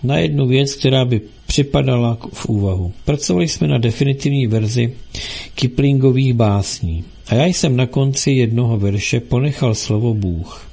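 A man's voice: medium pitch, gravelly, dark tone, breathy edge. A man doing a vague, musing poet prisoner.

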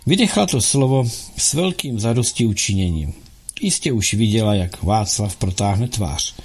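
A man reading a first-person historical audiobook in a measured, expressive storytelling manner, acting out the dialogue. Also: fairly low pitch, slightly rough. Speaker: audiobook narrator.

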